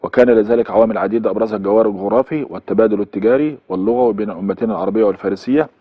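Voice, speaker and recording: A man's voice: fairly low pitch, breathy edge, no echo, dull audio. A man with an Egyptian accent giving a recorded university course lecture, listing examples one by one and repeating them, with fillers. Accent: Egyptian Arabic.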